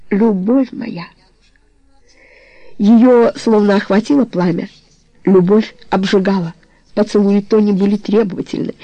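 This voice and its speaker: A narrator giving a steady, measured audiobook reading of a romance novel. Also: mid-range voice, dry recording, poor audio.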